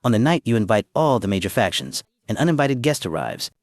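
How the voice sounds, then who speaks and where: A man narrating a story recap in the second person, with brisk, animated storytelling, recorded close and dry. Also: on the low side, no room sound.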